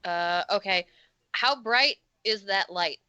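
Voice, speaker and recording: A woman's voice: medium pitch, takes it slowly, sharp tone, clear, resonant tone, dull audio. A woman playing a tabletop game, eager and jokey, often laughing. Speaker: player. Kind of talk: casual tabletop play.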